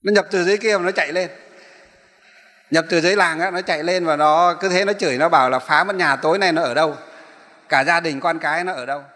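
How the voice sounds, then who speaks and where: Bright-voiced monk telling a story. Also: male voice, fairly high pitch, fast. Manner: rambling, repeats and corrects himself. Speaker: Buddhist monk, abbot. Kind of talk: sermon storytelling. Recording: echoey hall.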